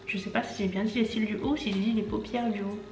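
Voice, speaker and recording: A woman's voice: medium pitch, steady tone, fast, darkish tone, slight background noise. Chatty young woman in an echoey room. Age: 20s. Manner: rambling, self-correcting asides. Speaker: beauty vlogger. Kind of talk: chatty makeup tutorial vlog. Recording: echoey room, faint background music.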